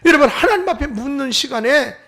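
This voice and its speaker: A man preaching a Sunday sermon with a high-pitched voice and a gravelly, fry-laden edge. He rises into emphatic calls, then drops to a near-whisper, and throws rhetorical questions out to the congregation. The delivery is that of a senior pastor in the pulpit. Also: lively intonation, brisk. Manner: swings from emphatic raised calls to hushed whispers. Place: church service.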